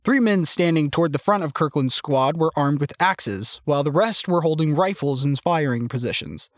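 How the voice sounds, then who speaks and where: A man reading a first-person novel aloud in a measured, even storytelling manner. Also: fairly high pitch, dry recording, clean studio sound. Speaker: audiobook narrator. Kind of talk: scripted first-person narration.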